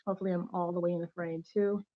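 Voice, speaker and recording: A woman's voice: on the low side, level tone, rapid-fire, dry recording, phone-quality sound. Upbeat woman hosting a faith livestream. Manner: chatty, upbeat, greets viewers by name and thanks them. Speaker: channel host giving faith-based teaching. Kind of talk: casual livestream chat.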